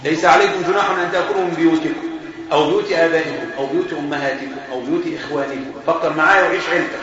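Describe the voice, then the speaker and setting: A man's voice: fairly high pitch, rapid-fire. A man with an Egyptian accent, teaching a lesson on Quran verses as a sheikh, quizzing his listeners and chuckling as he explains. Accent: Egyptian Arabic. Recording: very echoey, dull recording with crowd noise.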